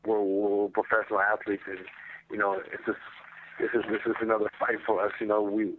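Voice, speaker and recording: Low-voiced man on a noisy phone line. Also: monotone, brisk. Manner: slangy, repetitive, conversational. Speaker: professional fighter taking questions. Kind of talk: media conference call answers, casual. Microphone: telephone. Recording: narrow phone line with faint noise.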